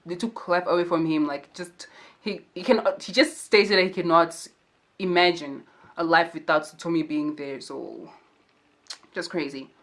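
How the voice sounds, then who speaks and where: A young woman talks through a true crime case in loose, casual commentary, packing her speech with "like" and slangy asides. Her voice sits a little low for a woman. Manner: chatty, filler-heavy, slangy asides. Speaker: true crime and makeup YouTuber.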